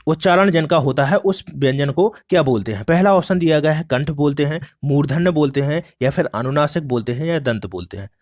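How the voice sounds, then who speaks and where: A male teacher from India speaks with a fairly high pitch and a darkish tone. His exam prep lesson walks through questions step by step, with "look" recurring often as he covers each answer.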